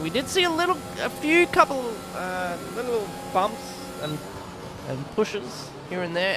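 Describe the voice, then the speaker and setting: A man giving casual, rambling live commentary on a sim race, often correcting himself. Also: a little high.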